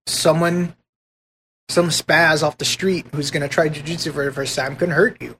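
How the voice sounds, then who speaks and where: A man co-hosting a casual podcast, easygoing and quick to laugh, rambling a little as he talks. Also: fairly high pitch, steady tone, pushed and bright, slight background noise. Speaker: podcast co-host.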